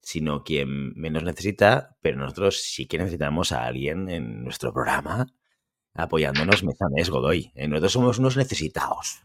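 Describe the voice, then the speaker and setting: A man's voice: rumbling low, expressive, moderate pace, no room sound, studio quality. A man from hosting a casual podcast, chatty and tagging his sentences with a questioning "eh". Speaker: podcast host.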